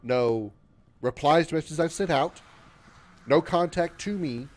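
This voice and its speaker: Speaking a little slowly in a slightly high voice, a thirtysomething game streamer chats casually with his audience. He meanders, says the same things twice, fumbles his words, and glumly belittles himself.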